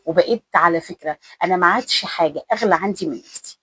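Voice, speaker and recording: Woman, 30s, egyptian accent, earnest advice vlog, rapid, breathy. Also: fairly low pitch. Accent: Egyptian Arabic. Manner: earnest, repetitive, speaks straight to the listener. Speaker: lifestyle vlogger giving advice to women. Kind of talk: casual motivational talk to the viewer.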